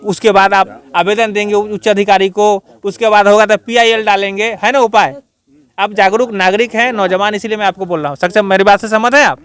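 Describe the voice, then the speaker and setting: A man's voice: high voice, fairly even intonation, fairly quick, a bit bright, smooth. A man reporting from a village gathering, questioning people and earnestly urging them to be aware of their rights. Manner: earnest, lecturing, urges civic awareness. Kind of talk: field interview.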